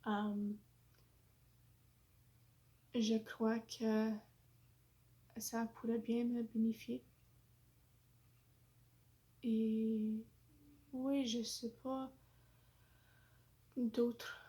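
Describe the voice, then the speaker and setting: A woman vlogs casually in French with an English-influenced accent, hesitating and using many fillers as she hunts for words, apologetic and self-conscious about how she speaks. Her fairly high, dark-toned voice is flat and extremely slow, with long pauses.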